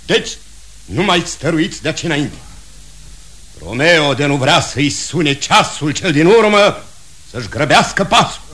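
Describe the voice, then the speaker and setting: A man's voice: on the high side, expressive, fairly bright tone. A man playing a stern ruling prince in a radio play, passing judgement in formal, commanding speech.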